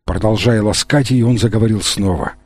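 A man narrating an audiobook with a measured, literary reading. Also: on the low side, a little mellow.

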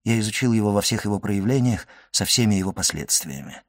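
A man reading aloud as a solemn, grim middle-aged physician who speaks in a measured, hushed way. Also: lowish voice, animated, close to an everyday voice. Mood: grave. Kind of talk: audiobook reading.

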